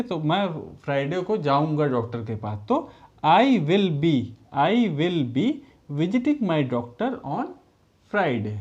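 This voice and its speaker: A man's voice: a little high, a little mellow. A man teaching a school lesson to children, patiently reading English sentences out word by word and repeating them. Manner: addresses the pupils as children. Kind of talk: recorded classroom lesson. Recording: dull lo-fi recording.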